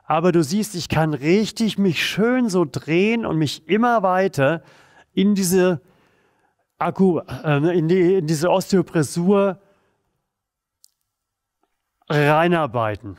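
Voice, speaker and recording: Calm man coaching a stretch routine. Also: sits high, takes it slowly, pauses often, dry recording, clean studio sound. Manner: calm, encouraging, talks while doing the moves. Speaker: therapy coach leading exercises. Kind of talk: guided exercise instruction.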